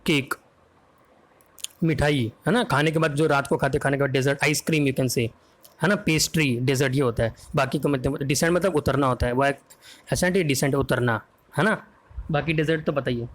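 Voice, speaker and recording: A man teaching an online exam vocabulary lesson, quizzing students and spelling words out letter by letter in a brisk, coaxing way. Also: mid-range voice.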